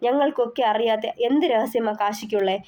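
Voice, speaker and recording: A woman's voice: fairly high pitch, brisk, darkish tone, close to an everyday voice. Woman reading as an insistent angry young man. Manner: insistent, restrained anger. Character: worried young man demanding answers from his father.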